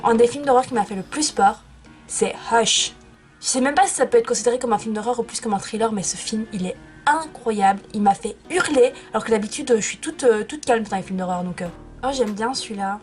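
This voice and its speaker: A woman's voice: on the high side, a little mellow. Chatty self-mocking young woman vlogger. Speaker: YouTuber. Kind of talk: casual vlog chat. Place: her bedroom.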